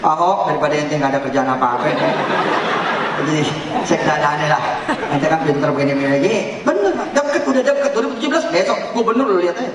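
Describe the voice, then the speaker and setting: A man preaching a lively, jokey sermon, mixing in English and Arabic phrases and chanting sounds. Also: on the high side, fast talker, over a noisy crowd. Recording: echoey hall recording, mic far off.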